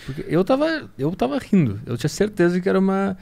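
Higher-voiced man asking questions. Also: sing-song, quick pace, creaky, a little mellow. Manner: laughs often while asking questions. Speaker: podcast host. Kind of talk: casual interview talk.

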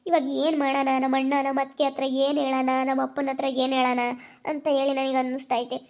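A young woman with a central Karnataka Kannada accent speaks earnestly and pleadingly, in a high voice. The recording sounds dull and lo-fi. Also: little pitch movement, fast talker. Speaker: vlogger. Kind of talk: emotional couple conversation.

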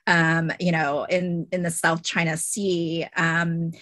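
A woman's voice: lowish voice, level tone, slow, a bit bright, no room sound. A woman in her thirties, a guest on a video-call interview at home, telling her story hesitantly with many fillers. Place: home room, indoors. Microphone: video call webcam.

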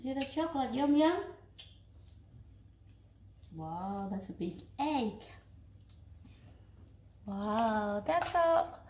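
Eine junge Frau aus Indonesien mit indonesischem Akzent, die als Familien-Vloggerin fröhlich und singend mit ihrem Kleinkind in die Handykamera plaudert. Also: female voice, fairly high pitch, animated, extremely slow, pauses often, darkish tone, slight background noise. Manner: cheerful sing-song baby talk with her toddler. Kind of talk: casual chat to camera. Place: living room, on a sofa. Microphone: phone camera at arm's length. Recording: echoey living room.

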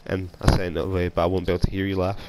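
A young Scottish man with a cold rambles casually and pokes fun at himself while playing a video game, speaking very fast in a low, completely flat voice. He's a gaming YouTuber doing laid-back gameplay commentary through a console headset mic, with background noise audible.

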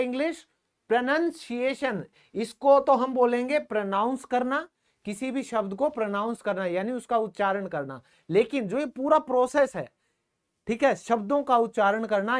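A man teaching English in an online classroom lesson. He asks the class questions, answers them himself, and repeats the key words. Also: very high voice. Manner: calls the viewers "friends" often and repeats key words.

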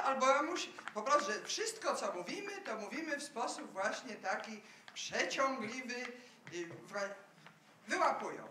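Woman from kraków, bright voice, question from the audience, roomy hall, off-mic. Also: on the high side, a little hiss or hum. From Kraków, Poland. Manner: chatty, storytelling, with hesitations. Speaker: audience member, university lecturer. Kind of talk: question from the floor in a debate. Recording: roomy sound from far off the mic.

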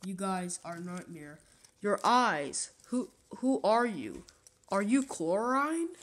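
A woman's voice: medium pitch, sing-song, slow, fairly bright tone, full character voice. A woman voicing a suspicious toy soldier who questions bluntly in a homemade puppet play.

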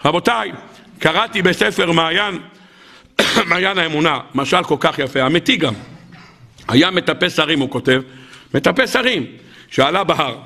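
A man's voice: a little high, lively intonation, pauses often, bright, forceful tone. A man, a rabbi giving a weekly Torah portion sermon to a live audience, telling stories, acting out the characters and firing rhetorical questions at the listeners. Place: live talk before an audience.

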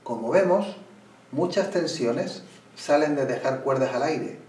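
A man teaching flamenco guitar, explaining slowly and pausing as he plays, sometimes restarting a phrase. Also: mid-range voice, expressive, darkish tone, slight background noise. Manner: unhurried, pauses while playing, restarts phrases. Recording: roomy room, mic at a distance. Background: guitar playing.

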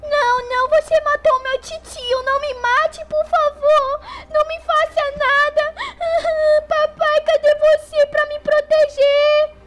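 A squeaky tearful baby dinosaur. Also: male voice, little pitch movement, slow pace. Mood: terrified pleading. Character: small frightened baby dinosaur boy.

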